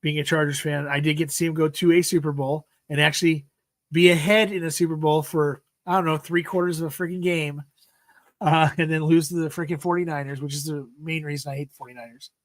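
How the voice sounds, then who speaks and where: This livestream host, a man in his fifties, talks quickly in a high-leaning, steady voice with no echo. His casual football chat wanders, circling back to the word "freaking" and drifting off mid-sentence.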